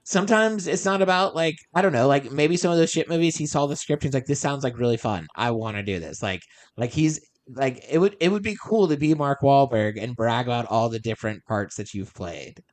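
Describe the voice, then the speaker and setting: A man's voice: on the high side, brisk, no room sound. A man hosting a podcast in casual chat, meandering as he thinks aloud. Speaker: podcast host.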